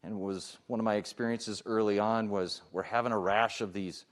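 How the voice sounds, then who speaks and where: A man's voice: fairly low pitch, fairly even intonation, moderate pace. A middle-aged man, a police chief, giving a conversational presentation at a public forum, with frequent fillers and restarts.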